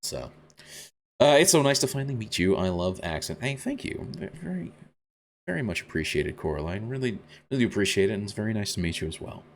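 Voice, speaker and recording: A man's voice: on the low side, very animated, fast. A young man streaming a game, chatting casually with his audience and reading chat aloud, with many fillers and restarts.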